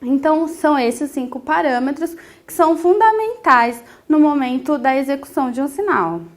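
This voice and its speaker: A woman teaching a sign language lesson, explaining each point patiently and filling pauses with short hesitations. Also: high voice, expressive. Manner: patient, explanatory, with frequent 'é' fillers.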